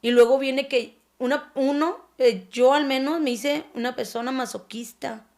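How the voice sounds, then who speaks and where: A woman with a Mexican accent gives a personal testimony on a podcast. Her fairly high voice carries a gravelly fry, and she speaks haltingly. She searches for words and lets her sentences trail off softly. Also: steady tone. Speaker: anonymous guest sharing her story.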